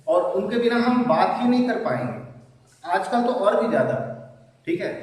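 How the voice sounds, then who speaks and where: A man's voice: sits high, darkish tone. A man teaching a Hindi grammar class online, giving word examples and often checking in with his students. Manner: explains with examples and frequent "theek hai" checks. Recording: echoey room, voice far from the mic.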